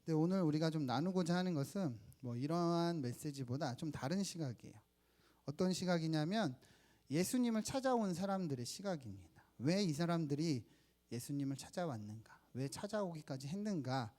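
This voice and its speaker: A man's voice: fairly high pitch, expressive, a little fast, darkish tone. A man in his thirties preaching a sermon at church, telling personal stories and asking the congregation questions. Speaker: pastor. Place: church sanctuary.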